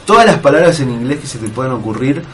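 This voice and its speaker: A man's voice: medium pitch, expressive, fast, a little hiss or hum. A young Argentine man hosting a radio talk show, bantering casually and putting on mock voices between stories. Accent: Argentine Spanish. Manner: jokey, puts on mock accents.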